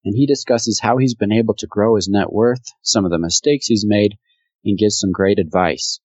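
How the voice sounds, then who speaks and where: A man hosting a podcast, reading an upbeat, even intro and asking interview questions. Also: on the low side, normal speed, no echo. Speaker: podcast host. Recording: dry, muffled audio.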